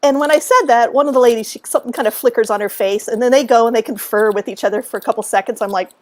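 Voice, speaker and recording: A woman telling a story to camera in a relaxed, animated way, acting out what people said and laughing along the way. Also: fairly high pitch, rapid-fire. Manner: animated, acts out quotes, laughs often. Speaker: author and speaker. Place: at home.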